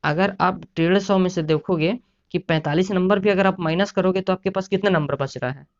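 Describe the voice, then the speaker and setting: A man's voice: high voice, a little fast. Man teaching. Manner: repetitive, keeps adding "है ना" and "साथियों". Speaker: exam prep teacher. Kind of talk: casual explanatory lecture. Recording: dull lo-fi sound.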